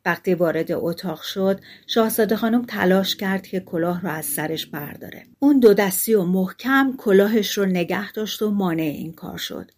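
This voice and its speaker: A woman narrating a fairy tale audiobook in a calm, steady storytelling manner. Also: medium pitch.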